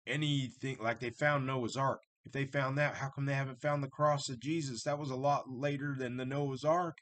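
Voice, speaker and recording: A man's voice: mid-range voice, fairly even intonation, moderate pace, fairly bright tone. A man talking casually and unscripted to his viewers, rambling and circling back on himself, blunt and direct. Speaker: vlogger talking about Satanism.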